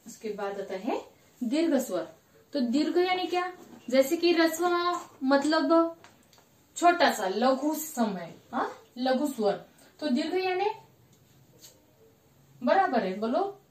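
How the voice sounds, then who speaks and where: A woman teacher with a high voice talks her class through a grammar lesson at an unhurried pace. She asks questions and answers them herself, repeating each point. She is heard from a distance, in an echoey room. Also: big pitch swings, darkish tone.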